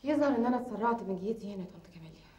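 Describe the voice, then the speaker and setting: An actress playing a troubled young woman with an Egyptian accent, soft and hesitant as she confides. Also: mid-range voice, lively intonation, racing, muffled recording, close to an everyday voice. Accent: Egyptian Arabic. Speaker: actor in TV drama. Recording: roomy TV drama sound.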